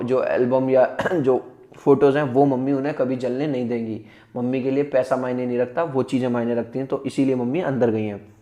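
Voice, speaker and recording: A male teacher reads English textbook lines slowly and explains each one in casual, conversational Hindi, calling his students beta and bhai. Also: medium pitch, dark tone.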